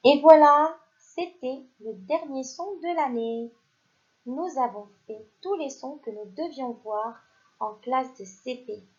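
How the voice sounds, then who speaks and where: A woman teaching a recorded reading lesson to young children, speaking slowly and carefully and praising the class. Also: fairly high pitch, warm tone, highs cut off. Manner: slow, carefully articulated, praising. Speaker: primary school teacher.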